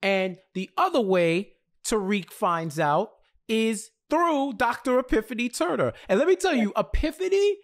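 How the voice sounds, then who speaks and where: In a small home studio, an American man in his thirties co-hosts a relaxed TV recap, right up on a large podcast mic. He speaks unhurriedly in a high voice with big pitch swings, emphatic and repeating phrases as his point takes shape.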